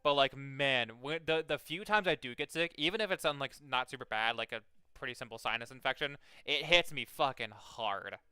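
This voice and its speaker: Young male streamer, clear bright tone, dry close mic; loose rambling chatter full of "like"s, casual cursing. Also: mid-range voice, fairly quick, dry recording. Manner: rambling, lots of fillers and restarts, swears freely. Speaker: game streamer. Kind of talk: casual live-stream chat and reading game text aloud.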